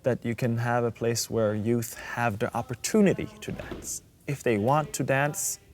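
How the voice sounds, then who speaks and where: A man's voice: mid-range voice, normal speed, slight background noise. A man from Greenland who founded a dance school, speaking earnestly in an interview.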